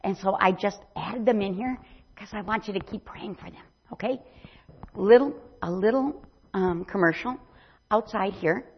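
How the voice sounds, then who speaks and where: An older woman who is not from Brazil gives a chatty mission presentation at church as a missionary speaker, rambling with many ums. Her voice is medium-pitched with a breathy edge, at a moderate pace. The recording has a dull, lo-fi sound.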